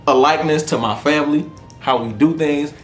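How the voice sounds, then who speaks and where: Man, 30s, podcast host, animated and profane, higher voice, echoey room. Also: a little fast. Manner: animated, profane storytelling with frequent laughter. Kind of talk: casual comedic monologue. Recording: roomy echo with faint music.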